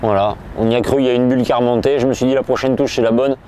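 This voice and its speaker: A man commenting casually while fishing at a pond, relaxed and hesitant, often restarting his sentences. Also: medium pitch, rapid-fire, a little hiss or hum. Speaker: fishing angler presenter. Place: outdoors by a pond.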